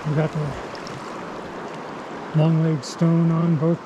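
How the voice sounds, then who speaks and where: Fly fishing on a river bank, a man with a slightly high voice gives easygoing, explanatory narration, muttering to himself between casts. His head-mounted action camera picks up dull audio and loud rushing water beneath everything he says.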